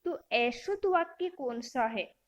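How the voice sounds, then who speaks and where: Lady teacher reading out quiz options then explaining the answer, talks slow. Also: sits high, lively intonation. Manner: self-correcting. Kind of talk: exam-prep grammar lesson.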